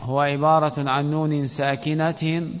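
A man's voice: a little high, flat delivery, measured pace, noisy background. A man teaching a classroom grammar lesson, quizzing students and calling on them by name. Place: classroom or mosque hall. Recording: lo-fi recording with long hall reverb.

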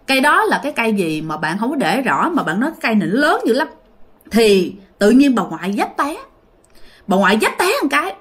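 A woman with a Southern Vietnamese accent telling a ghost story in a casual, chatty way, talking directly to her listeners. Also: medium pitch.

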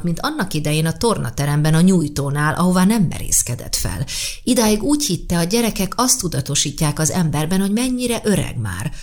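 A woman narrating an audiobook with an expressive, varied delivery. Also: low-pitched. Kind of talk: scripted narration.

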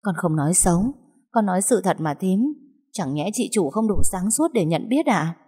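A woman's voice: lowish voice, expressive, normal speed, mellow, breathy edge. A woman voicing a frightened sixteen-year-old girl who stammers through her tears, in a storybook reading. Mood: tearful pleading. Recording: long hall reverb.

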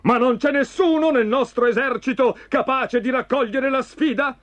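A man's voice: on the high side, animated, moderate pace, pitched above the performer's own voice. King Saul, a man doing an indignant king. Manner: exclaiming, urgent. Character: anxious, indignant old king. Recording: dull lo-fi recording with music.

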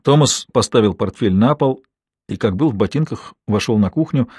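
A man narrating a novel aloud in a tense, expressive audiobook reading. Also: medium pitch, normal speed, breathy edge, no echo, studio quality.

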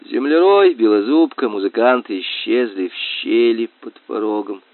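A man narrating a children's story in an expressive, lively reading voice. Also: medium pitch, normal speed, no echo. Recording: tinny dry phone-like sound.

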